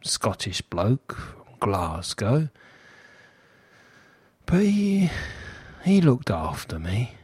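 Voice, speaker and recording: A man speaking through a disguised deep voice, telling his story anonymously in a slow, guarded confessional monologue. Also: huge pitch swings, darkish tone, husky, no echo.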